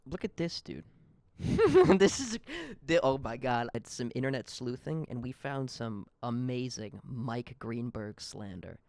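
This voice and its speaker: A man's voice: mid-range voice, unhurried, gravelly, few pauses, darkish tone, no echo. A young man hosting a solo podcast, ranting in a rambling, profane, heated way. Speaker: podcast host. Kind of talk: solo comedic podcast rant.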